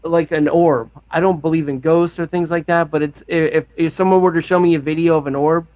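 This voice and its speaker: A man hosting a casual conversation, musing openly and making fun of himself. His voice sits a little high. The sound is dry and close. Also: fairly even intonation, a little fast, darkish tone, no echo. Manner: candid, self-deprecating, musing. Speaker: podcast host. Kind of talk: casual chat.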